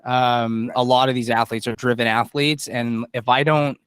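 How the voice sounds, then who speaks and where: A man's voice: medium pitch, flat delivery, moderate pace, fairly bright tone, smooth, dry recording. A male coach with an ordinary mid-range voice, speaking frankly and conversationally, with a light joking edge. The sound is dry and close. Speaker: coach, co-guest. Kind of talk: casual interview chat.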